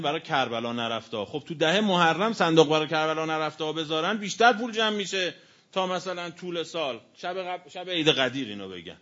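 A man's voice: a little high, a bit bright. A man preaching a religious sermon. He explains the grammar of a text and then exhorts his listeners. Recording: dull lo-fi sound.

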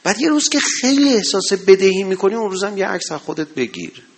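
Male preacher, gravelly voice, slightly high pitch, impassioned, loud exhortation and low murmurs. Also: sing-song. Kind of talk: religious sermon. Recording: sermon to a live gathering.

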